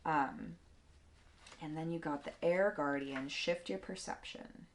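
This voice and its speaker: Low, gravelly-voiced woman giving a tarot reading. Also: slow pace, a little hiss or hum. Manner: earnest and encouraging, casual slang and fillers. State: emotional. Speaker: tarot reader. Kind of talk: casual tarot reading with read-aloud passages.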